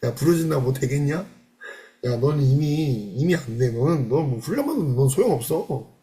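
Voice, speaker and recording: A man's voice: mid-range voice, expressive, normal speed, dark tone, lightly acted. Brief: sneering inner false-self voice, put on by a male preacher, blunt and scornful. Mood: taunting.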